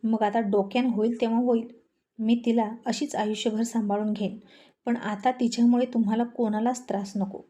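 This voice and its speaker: A woman voicing a hot-tempered young husband who scolds loudly, in an audio story. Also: a little high, steady tone, normal speed, close to an everyday voice. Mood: angry. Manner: shouting, scolding.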